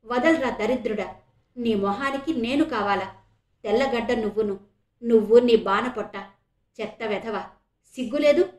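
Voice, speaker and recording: A woman voicing a proud young woman who shouts shrilly at her attacker, in a roomy, echoey recording. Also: fairly high pitch, normal speed, long pauses, close to an everyday voice. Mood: furious. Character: proud young educated woman, fierce when cornered.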